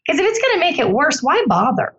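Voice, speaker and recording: Animated storytelling woman, slightly lo-fi. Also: quick pace. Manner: animated storyteller, jumps up in pitch for quotes. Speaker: guest. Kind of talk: casual podcast conversation.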